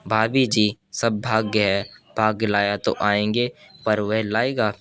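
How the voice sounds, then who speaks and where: A man's voice: fairly low pitch, flat delivery, slow pace, fairly bright tone, clear, resonant tone. A man reading the part of a shaken, ashamed young man in an audiobook, speaking hesitantly and pleadingly.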